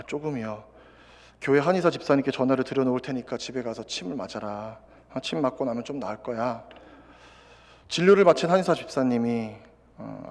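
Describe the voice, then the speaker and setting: A male pastor preaching a sermon, moving from quiet storytelling to loud, impassioned exhortation. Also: mid-range voice. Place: large church sanctuary. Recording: long hall reverb.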